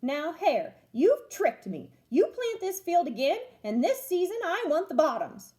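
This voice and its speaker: A woman's voice: very high voice, big pitch swings, unhurried, warm tone, pitched above the performer's own voice, full character voice. A woman voicing a lazy, gullible male bear from a children's storybook, drawling and grumbling. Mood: aggrieved.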